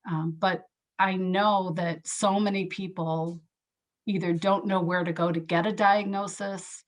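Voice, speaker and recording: A woman as an interview guest, giving a candid, earnest personal account and pausing often with soft hesitations. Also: on the low side, steady tone. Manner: earnest, reflective, pauses with soft "um"s.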